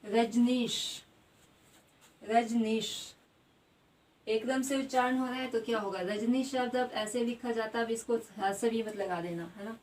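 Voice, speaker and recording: A woman teacher giving a grammar lesson. She puts questions to the class, answers them herself and repeats each word slowly. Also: on the high side, fairly even intonation, a little mellow. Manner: adds a tag question after most points. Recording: slightly distant mic with faint background noise.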